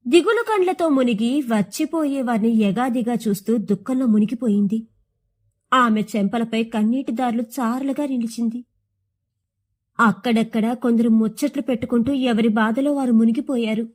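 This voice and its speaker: A young woman reading a short story aloud in a somber, emotive manner. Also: a little high. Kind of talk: scripted narration of a short story.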